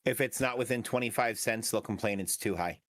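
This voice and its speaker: A young man playing along with a friend, making short relaxed remarks in casual chat. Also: fairly low pitch, a little fast, soft background music. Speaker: co-player.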